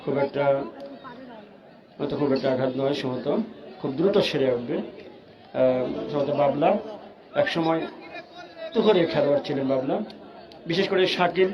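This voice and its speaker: A Bangladeshi man giving excited, urgent live football commentary, repeating stock phrases as he follows the play. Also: a little high, moderate pace, long pauses, muffled recording, a crowd in the background. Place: outdoor football ground.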